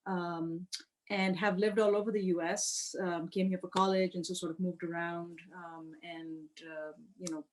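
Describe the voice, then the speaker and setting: A woman from Karachi who works as a professor, talking about her life in a soft, hesitant, conversational way. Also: on the low side, little pitch movement, normal speed, slight background noise. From Pakistan, Karachi. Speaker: political science professor. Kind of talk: casual conversational storytelling.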